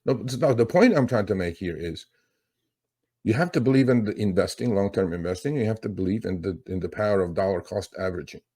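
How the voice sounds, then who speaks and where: Middle-aged male finance host, very low-pitched, loose rambling delivery full of fillers. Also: expressive, fast talker, dark tone, husky. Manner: rambling, lots of fillers and restarts. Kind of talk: casual market commentary.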